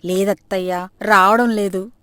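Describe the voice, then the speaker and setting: A woman voicing a flustered young daughter-in-law who talks loudly and excitedly. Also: medium pitch, measured pace, no room sound, studio quality, lightly acted.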